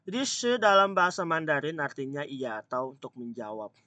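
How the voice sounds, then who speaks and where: A man's voice: on the high side, animated, pushed and bright, no echo. A man teaching a Mandarin grammar class online, stretching out example sentences and chatting with his students, with an itchy throat. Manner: slow, drawn-out modelling of example sentences.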